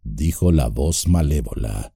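A man narrating an audiobook with an expressive, dramatic reading. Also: very deep voice, a little slow, creaky, slightly rough, no room sound, studio quality.

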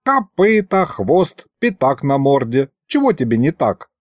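A man's voice: mid-range voice, big pitch swings, unhurried, no echo, studio quality. A man voicing a cantankerous old male wizard spirit who scolds and shrieks in a folksy way. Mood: bossy.

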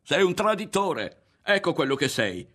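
A man reading an audiobook, voicing an angry, suspicious teenage boy who shouts accusations. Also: mid-range voice, animated, moderate pace, pitched above the performer's own voice, lightly acted. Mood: furious.

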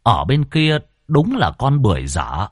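A man narrating a ghost story audiobook in an expressive storytelling manner. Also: mid-range voice, a little slow, slightly rough, no room sound. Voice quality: expressive, lively.

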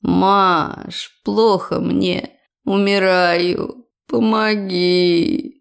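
Audiobook role: woman playing a hungover dad, wheezy, slow and pleading. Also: fairly low pitch, smooth. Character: hungover middle-aged father begging for drink.

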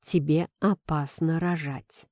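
A woman's voice: mid-range voice, normal speed, darkish tone, no echo, studio quality, lightly acted. Woman reading as a sardonic young best friend. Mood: earnest. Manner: sardonic, pointed, then earnest.

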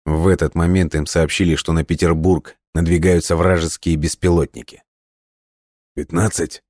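A man narrating an audiobook in a steady storytelling read. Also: low-pitched, moderate pace, no echo, clean studio sound.

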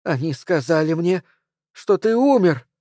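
Unstable gun-waving woman, high and shrill, male reader doing her. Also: very animated, a little slow, warm tone, no room sound, clean studio sound. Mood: agitated. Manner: shrill, emotional outbursts.

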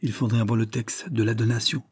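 A man reading aloud voices an older lawyer who weighs each legal point with care. His delivery is measured and lawyerly, low in pitch with a husky edge. The sound is dry and close. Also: little pitch movement, darkish tone, no echo. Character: resentful older male lawyer, precise.

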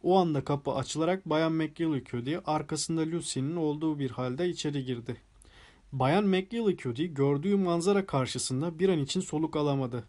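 Man, audiobook narrator, steady storytelling, somewhat high voice. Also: moderate pace. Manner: steady storytelling with acted dialogue. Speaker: audiobook reader.

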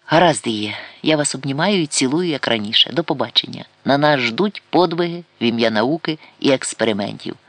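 A man's voice: mid-range voice, animated, a little fast, few pauses, a bit bright. A man voicing a witty, mocking young adventurer with an ironic, mock-announcer delivery in an audiobook.

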